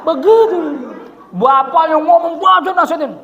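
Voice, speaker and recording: A male preacher giving a casual religious study talk in a mosque, lively and colloquial, acting out the people he describes. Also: extremely high pitch, moderate pace, lo-fi sound, a crowd in the background. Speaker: Islamic preacher.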